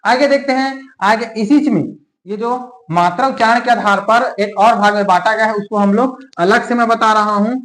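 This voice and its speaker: A man's voice: high-pitched, fairly bright tone. A man teaching an exam-prep grammar lesson, stretching key terms out word by word and checking in with the class constantly. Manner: drawls key terms slowly word by word, adds frequent check-ins. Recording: echoey room.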